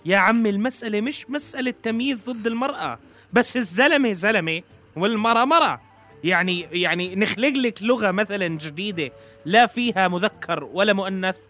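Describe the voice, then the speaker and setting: A man's voice: high voice, animated, brisk, pushed and bright, soft background music. A man with a Jordanian Levantine accent, a podcast co-host in casual comic banter, teasing and mock-exasperated.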